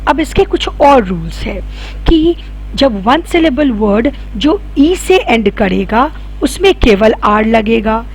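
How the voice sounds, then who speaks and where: A woman's voice: fairly high pitch, a little mellow, slightly rough. A woman teaching a grammar lesson. She asks questions and answers them herself, and spells words out letter by letter.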